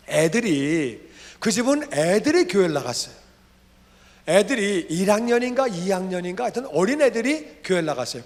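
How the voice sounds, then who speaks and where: A middle-aged male pastor preaching a revival sermon, telling family stories and acting out the dialogue with lively energy. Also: high-pitched. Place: church sanctuary. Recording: long church reverb.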